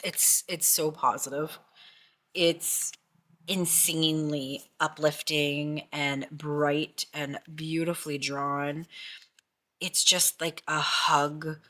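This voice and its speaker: A middle-aged tarot vlogger chats casually about tarot decks in a low voice that comes across pushed and bright. She gushes over them and repeats herself often.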